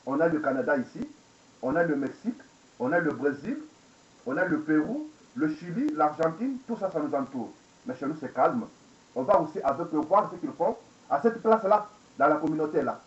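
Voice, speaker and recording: A man in his forties rants angrily and repetitively on a webcam indoors, throwing out rhetorical questions and mixing in English. He speaks at normal speed in a sing-song voice on the high side, and the lo-fi recording is echoey and dull.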